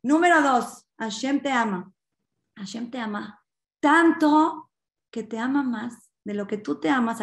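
A woman giving a religious talk to women, with lively storytelling and emphatic asides. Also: high-pitched. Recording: echoey room sound.

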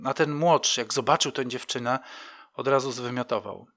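A man's voice: mid-range voice, normal speed, a bit bright, natural voice. A man voicing a timid, ashamed homeless man who speaks in a shaky, hesitant way in an audiobook. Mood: scared, pleading.

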